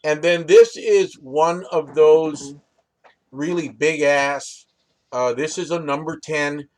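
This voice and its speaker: Man, American, casual gear demo, slightly high voice, rambling, restarts, fillers. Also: takes it slowly, darkish tone. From United States. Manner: talks straight to the viewer, often asking "right?". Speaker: fishing channel host.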